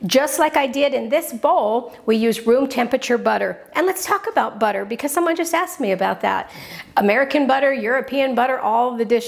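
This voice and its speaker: Cooking host, middle-aged woman, higher voice with a gravelly edge, chatty and upbeat, home kitchen. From New Mexico. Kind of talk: cooking demonstration.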